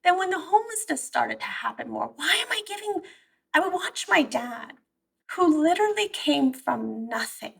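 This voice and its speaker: A woman's voice: high voice, very animated, normal speed, gravelly, distant mic, low-quality recording. A woman, born abroad and raised in California, speaking earnestly and emphatically as an interview guest, often restarting her sentences. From born in Iran, raised in the San Francisco Bay Area. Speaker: guest therapist. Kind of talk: conversational interview.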